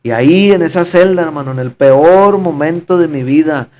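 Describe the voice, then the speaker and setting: A man's voice: fairly high pitch, moderate pace, mellow, a little hiss or hum. Fervent man giving testimony. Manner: fervent, repetitive, addresses the host as brother. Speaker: podcast guest giving testimony. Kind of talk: emotional testimony in conversation.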